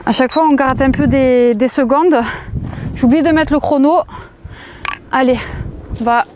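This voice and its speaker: A woman's voice: high voice, fairly even intonation, normal speed, darkish tone, slight background noise. A woman leading a workout as fitness instructor, counting reps and urging people on with short, encouraging commands.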